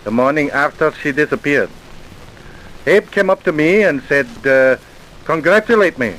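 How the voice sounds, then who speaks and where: In an old radio crime drama, a man plays a wary, wheedling dirt-truck driver turned informer, sounding evasive and grudging with colloquial, working-class plainness. His voice is a little high, expressive and fairly bright at a normal speed, heard through a rough, hissy old recording.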